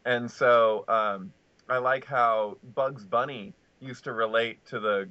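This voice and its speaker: A man in casual podcast chat, talking in a halting way with constant "like" and many restarts. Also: medium pitch, steady tone, pushed and bright, clear, resonant tone, no echo. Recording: dry, lo-fi audio.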